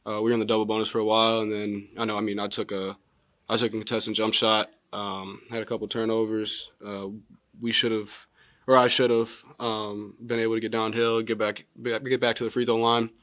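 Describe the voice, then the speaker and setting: A young man in his twenties, a college basketball player, answers postgame press questions in a measured way, filling pauses with many ums. His voice sits low and stays level, with little rise or fall. The sound is dry and close, from a table mic in a press room. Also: flat delivery, a bit bright, no echo. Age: 20s. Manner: measured, many filler words. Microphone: table mic in front.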